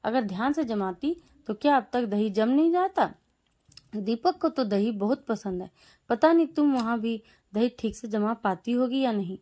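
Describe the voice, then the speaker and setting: A woman's voice: on the high side, animated, moderate pace, mellow, lightly acted. Woman voicing a nagging older mother-in-law. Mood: scolding. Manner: scolding, raised voice.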